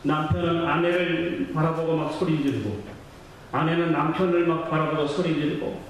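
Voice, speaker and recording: A male pastor preaching a sermon with impassioned fervor, his voice swelling into near-chanted shouts. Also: a little high, normal speed, slight background noise. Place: church sanctuary. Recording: very echoey church hall, mic far off.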